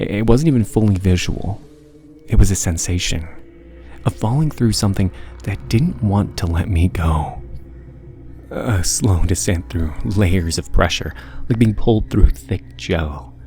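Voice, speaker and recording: A man narrating a scripted scary story in the first person, in a low, haunting, hushed voice. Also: a little slow, slight background noise. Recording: music behind the voice. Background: music.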